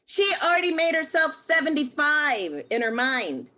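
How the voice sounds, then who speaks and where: A woman in her sixties giving a casual, lively testimonial, laughing often. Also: high-pitched, normal speed, rough recording. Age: 60s. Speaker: guest speaker.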